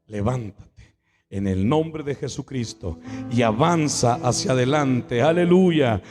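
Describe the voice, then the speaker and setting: A Mexican man preaching a Pentecostal sermon as pastor. He rises to shouts, drops to a hush, and keeps calling out to his brothers and sisters. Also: mid-range voice, slow pace. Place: church hall. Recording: echoey church with guitar playing behind.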